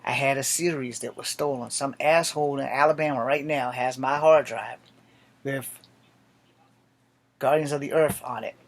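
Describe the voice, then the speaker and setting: A man's voice: mid-range voice, steady tone, moderate pace. A man in his late forties, an army veteran, speaking a blunt, profane and defiant personal monologue to camera. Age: 40s.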